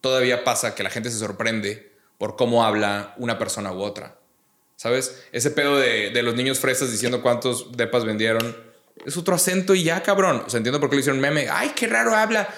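Give me a man, a podcast guest who talks blunt and slangy, mid-pitched, in a roomy space. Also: fairly quick, fairly bright tone. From Monterrey, Mexico. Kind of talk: casual podcast chat. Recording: roomy echo.

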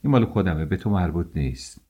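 Man reading as a defiant young wife, curt, commanding, low, husky. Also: lively intonation, dark tone.

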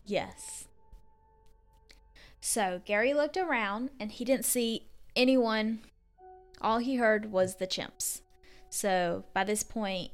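A woman co-hosting a podcast, casually retelling a true story with fillers and acted-out quotes. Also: mid-range voice. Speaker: podcast co-host.

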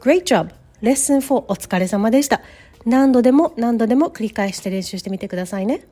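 A woman teaching a bilingual English lesson, upbeat and encouraging, modeling English phrases slowly for learners. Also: fairly high pitch, expressive, mellow, soft background music.

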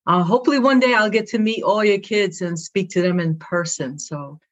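A woman's voice: mid-range voice, normal speed. A middle-aged woman with a Brooklyn accent, a guest talking proudly and upbeat in short phrases about her work as an athletic director. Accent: Brooklyn New York. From Brooklyn, New York. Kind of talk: conversational interview.

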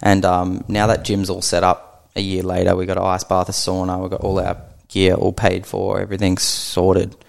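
A laid-back Australian man chats as a podcast guest. His voice sits low and gravelly, and he swears freely. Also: monotone, moderate pace, few pauses. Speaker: guest, gym co-founder. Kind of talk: casual podcast chat.

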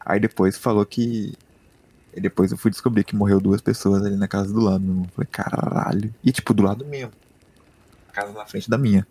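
A man co-hosting a podcast, telling a personal story in an excitable way and repeating words and slang. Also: lowish voice, fast, husky, dry recording. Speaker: podcast co-host. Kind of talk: casual storytelling chat. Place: home room.

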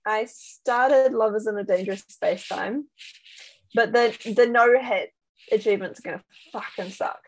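A woman's voice: a little high, measured pace, rough recording. A woman in a casual gaming chat as one of a podcast panel.

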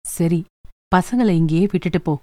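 A woman voicing a gentle, patient mother who gives calm, kindly advice in a storybook reading. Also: lowish voice, normal speed, no echo, lightly acted. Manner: soft, reasoning, kindly.

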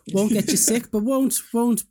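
A man's voice: extremely high pitch, slow pace, warm tone. Young Irish man, casual interviewer. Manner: informal, jokey.

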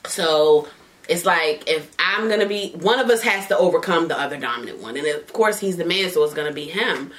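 A woman's voice: sits low, expressive, a little fast, a bit bright, a little hiss or hum. A woman hosting a casual chat while smoking, bawdy and playful, laughing often. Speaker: podcast host.

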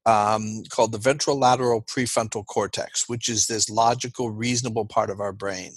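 Male guest expert, husky, earnest explainer, dry close sound. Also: on the low side, fairly even intonation, normal speed, dry recording. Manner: earnest, explains with rhetorical "right?" checks. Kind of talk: explanatory interview talk.

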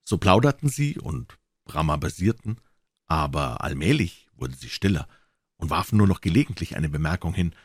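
A man narrating a classic novel with expressive storytelling. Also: low-pitched, normal speed, husky, dry recording, clean studio sound. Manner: expressive storytelling, voicing the characters. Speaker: audiobook narrator.

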